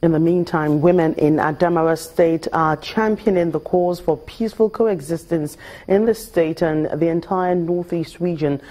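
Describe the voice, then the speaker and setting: A woman's voice: lowish voice, steady tone, normal speed, few pauses, warm tone. A woman presenting scripted news as the programme's newsreader.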